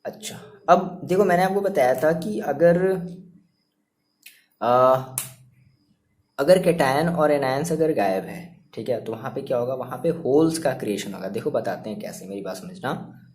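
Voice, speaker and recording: Mellow-voiced man teaching a chemistry class. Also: medium pitch, animated, moderate pace. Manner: chatty, repeats himself, asks and answers his own questions. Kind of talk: online class lecture.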